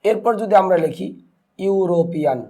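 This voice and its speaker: An English teacher whose first language is Bengali gives a grammar lesson in a fairly high yet mellow voice. He repeatedly asks questions and answers them himself, slowly and deliberately spelling and pronouncing example words, drawing them out.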